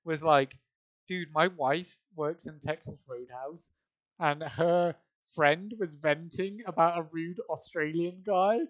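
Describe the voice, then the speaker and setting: A young adult man with an English accent, hosting a casual podcast chat, telling animated stories and laughing and swearing freely. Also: a little high, slow pace. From England. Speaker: podcast host.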